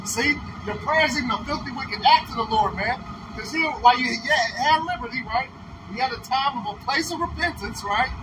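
A man reading scripture and preaching on the street, with frequent affirmations. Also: very high voice. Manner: affirming, reads scripture slowly. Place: outdoors by a street. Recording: noisy outdoor street recording.

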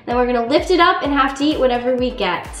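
A woman's voice: high voice, quick pace, a bit bright. A young woman hosting a casual challenge vlog, squealing and giggling in disgust. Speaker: vlog host. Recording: echoey room with music behind.

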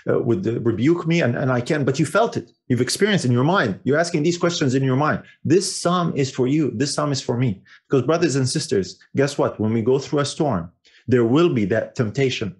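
Man, preacher, sermon, earnest, rises for emphasis, lingers on key words, restarts sentences. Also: mid-range voice. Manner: frequent fillers and restarts.

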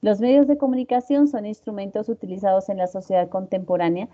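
A woman's voice: mid-range voice, steady tone, fast, mellow. A woman instructor giving an online class lecture, patiently checking in with her students. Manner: patient, checks in with frequent questions. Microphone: video call. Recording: dull lo-fi video call audio.

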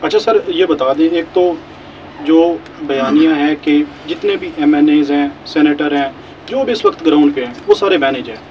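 Male reporter, polite and winding, somewhat high-pitched, faint noise behind, mic well off. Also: normal speed, highs cut off. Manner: polite, long winding questions. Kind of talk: questioning at a press talk. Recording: voice caught from a distance.

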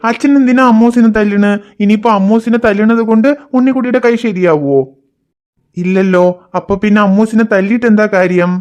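A patient, gentle cartoon father, voiced by a performer, who talks in a quick, steady flow. He reassures and explains calmly, in a mid-pitched everyday voice. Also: highs cut off, natural voice. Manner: calm, reassuring, explains things to his children. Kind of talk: cartoon voice acting.

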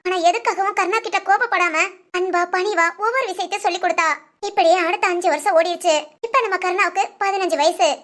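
A woman narrates a family short story in a very high, bright voice. Her telling is plain and explaining, walking the listener through what the characters feel. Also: fairly even intonation, fast. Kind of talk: emotional storytelling.

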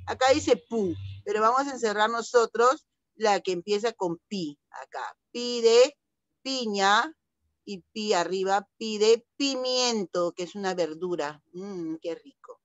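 A woman's voice: mid-range voice, expressive, unhurried, no room sound, muffled recording. A middle-aged woman, teaching young children to read and patiently sounding out syllables. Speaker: primary school teacher. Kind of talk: online reading lesson for young children.

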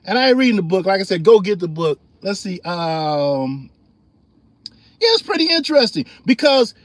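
A middle-aged man, talking loosely to his livestream audience with a high voice. He gets loud and animated and laughs often. The sound is dry and close. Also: moderate pace, dry recording. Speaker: livestream host. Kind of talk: casual livestream chat.

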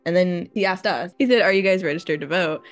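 A woman's voice: on the low side, quick pace. A woman telling a casual story on a podcast, rambling with lots of fillers. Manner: rambling, many likes and you-knows. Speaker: party member sharing an anecdote.

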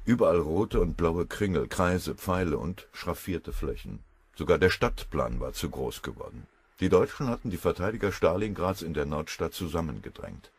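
Deep, husky male audiobook narrator. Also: sing-song, moderate pace. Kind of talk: scripted narration.

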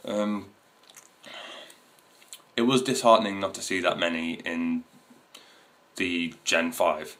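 Casting: twenties male vlogger, low voice, loose, meandering chat to camera. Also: slow, long pauses, a bit bright. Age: 20s. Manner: rambling, many fillers and restarts. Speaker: video host. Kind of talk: casual to-camera talk. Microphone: camera mic.

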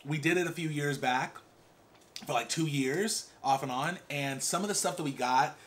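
A man's voice: fairly high pitch, normal speed, fairly bright tone, slight background noise. A man co-hosting an eating show, talking in an easygoing, jokey way and laughing at himself. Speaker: co-host of an eating channel. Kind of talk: casual mukbang chat. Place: home.

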